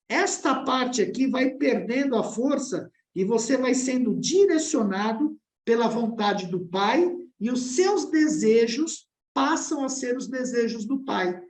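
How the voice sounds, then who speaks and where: A woman's voice: a little high, a little mellow. A woman with a Brazilian Portuguese accent presenting a study-group lesson, explaining ideas and asking the class questions directly. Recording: roomy echo.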